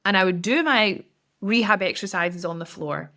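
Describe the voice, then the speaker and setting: A woman's voice: medium pitch, moderate pace, bright, forceful tone. Chatty woman coaching. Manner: chatty, direct, filler-heavy with frequent "like". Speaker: business coach and podcast host. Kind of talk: casual solo podcast advice.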